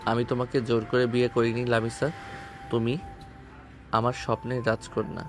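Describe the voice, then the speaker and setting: A man playing a tender young husband, flat steady voice. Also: mid-range voice, normal speed, soft background music, natural voice. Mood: pleading. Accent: Bengali. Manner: soft, earnest and tender. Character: devoted young husband, gentle and pleading. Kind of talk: audio story acting.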